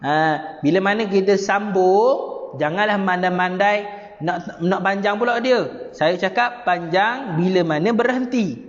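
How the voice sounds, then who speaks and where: A man with a Malaysian Malay accent teaching Quran recitation live online, explaining the rules step by step, repeating phrases and chanting the verses slowly. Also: high voice. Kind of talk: live online tajwid lesson. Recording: dull sound with long reverb.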